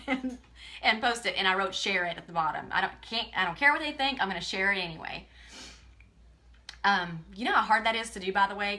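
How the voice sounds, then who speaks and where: Tearful woman, bright voice. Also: fairly low pitch. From Texas. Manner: earnest, emotional, often near tears, talks straight to viewers. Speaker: direct sales presenter. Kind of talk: tearful motivational live video.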